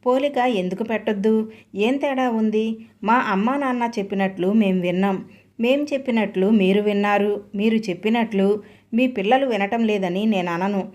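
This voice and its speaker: A woman's voice: medium pitch, normal speed, darkish tone, lightly acted. Lady reading as an older mom, hurt but firm, earnest scolding, medium voice. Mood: pained, reproachful. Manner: earnest, reproachful. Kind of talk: audiobook story reading.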